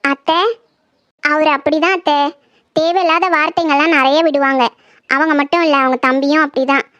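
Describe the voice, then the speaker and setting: A woman voicing a young daughter-in-law who patiently calms her grieving elders in a dramatized horror story. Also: high-pitched, normal speed, no echo, lo-fi sound. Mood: soothing. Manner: soothing, reassuring.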